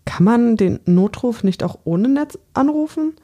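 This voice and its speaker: A man's voice: very high-pitched, expressive, unhurried, mellow, voice pushed up, heavily acted. A narrator voicing a panicky, half-drunk young man who is close to hysteria. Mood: anxious. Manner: near-hysterical.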